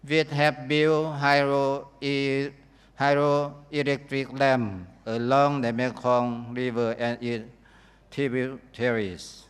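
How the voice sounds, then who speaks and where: Man, Lao accent, formal podium speech, very slow halting delivery, clear voice, long hall reverb. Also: medium pitch, flat delivery. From Laos. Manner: halting, deliberate phrasing. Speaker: government official, conference delegate. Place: large conference hall.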